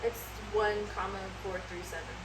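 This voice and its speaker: A woman's voice: medium pitch, fairly even intonation, moderate pace. A young woman co-hosting a casual podcast chat, easygoing and self-deprecating as she shares her music stats. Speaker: podcast co-host. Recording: echoey room, distant mic, clear background noise.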